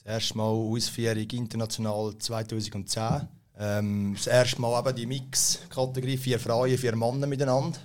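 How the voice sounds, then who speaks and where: A man with a Swiss German accent speaks at an average male pitch. He sounds like a coach giving explanatory answers in an interview. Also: little pitch movement, normal speed. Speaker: team coach, interview guest.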